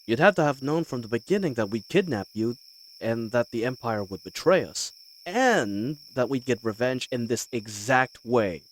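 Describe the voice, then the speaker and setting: Man playing a lively, roguish bandit leader. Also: mid-range voice, moderate pace, slight background noise, natural voice, rough recording. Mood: bewildered, incredulous. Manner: folksy, teasing, conversational with hesitations. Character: roguish, good-humoured male bandit leader, wry and blustering. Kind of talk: scripted fantasy audio roleplay.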